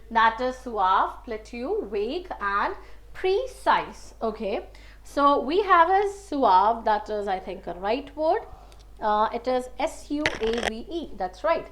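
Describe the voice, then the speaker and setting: A woman with an Indian accent teaching an exam prep lesson, explaining words step by step and spelling them out letter by letter. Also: high voice. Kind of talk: online lesson, mixing English and Hindi.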